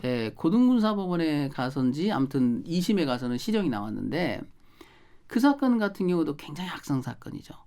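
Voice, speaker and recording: A woman's voice: deep voice, very animated, brisk, warm tone. A woman speaking as a guest lawyer on a talk show, explaining emphatically and firing off rhetorical questions.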